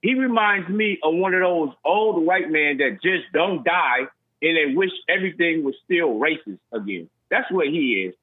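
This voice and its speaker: A man's voice: on the high side, lively intonation, normal speed, no echo. A man calling into a radio show on a phone that sounds like a speakerphone, talking bluntly and provocatively over the host. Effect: phone call that sounds like a speakerphone. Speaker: radio call-in caller. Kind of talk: casual call-in chat. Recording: tinny speakerphone line.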